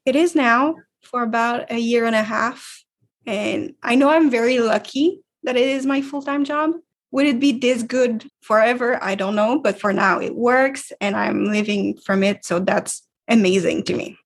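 Husky woman. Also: fairly high pitch, moderate pace. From Quebec. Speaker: guest illustrator. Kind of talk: casual interview.

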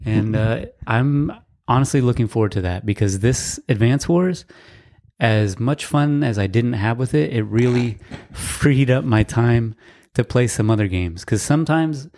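A man's voice: medium pitch, animated, a little slow, darkish tone. A man co-hosting a casual podcast, talking in a laid-back, dry, rambling way with fillers. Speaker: podcast co-host. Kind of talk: casual chat.

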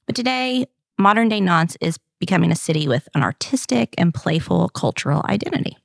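Southern-accented woman podcast host, chatty and upbeat, low gravelly voice. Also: animated, fairly quick, no echo, studio quality. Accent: Southern US, Kentucky. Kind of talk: casual scripted narration.

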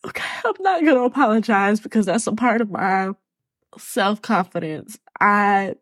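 A woman hosting her own podcast, talking to her listeners in a halting, choked-up way and close to tears. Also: mid-range voice, sing-song, slightly rough, dry recording. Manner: speaks to listeners as y'all. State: tearful. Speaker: podcast host. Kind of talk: personal solo podcast talk.

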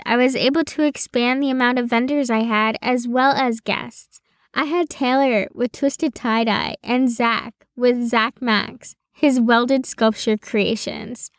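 Female podcast host, slow measured personal narration, slightly high voice, dry close sound. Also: fairly even intonation, no echo. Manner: slow, deliberate storytelling.

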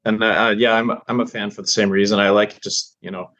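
A man's voice: fairly low pitch, level tone, a bit bright, no echo. A man, a filmmaker guest, speaking hesitantly in a casual interview. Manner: hesitant, halting. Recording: dull lo-fi dry audio.

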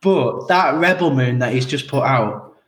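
A man's voice: medium pitch, measured pace, fairly bright tone, reverberant, poor audio. A man hosting a casual film podcast, joking and rambling with mock outrage. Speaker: podcast host.

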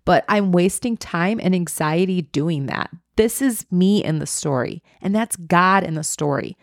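A woman co-hosting a casual faith podcast, retelling a parable with lively, playful character voices. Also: lowish voice, unhurried, gravelly, dry recording, studio quality. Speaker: podcast co-host.

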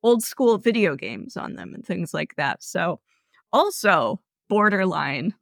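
A woman's voice: lowish voice, sing-song, slow pace, creaky, a bit bright, no echo. A woman co-hosting a casual podcast chat in a dry, matter-of-fact way. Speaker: podcast co-host.

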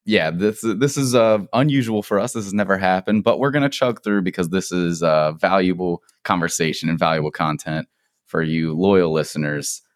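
A man's voice: low voice, normal speed, no room sound, studio quality. A man hosting a podcast in a chatty, friendly way with frequent ums. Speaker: podcast host.

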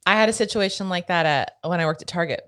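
A woman's voice: fairly low pitch, fast talker, a bit bright, clean tone. A young woman in casual chat, wry and blunt, swearing freely as she tells her own work story.

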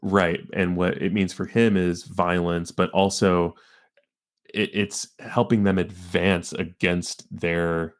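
A man with a deep, low voice chatting on a film podcast. His speech is halting, full of restarts and repeated words. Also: little pitch movement. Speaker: podcast co-host. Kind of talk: casual film discussion.

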